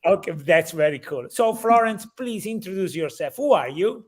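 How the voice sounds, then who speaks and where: A man with an Italian accent hosting a live interview in English, effusive and halting with fillers. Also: sits high, expressive. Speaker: host.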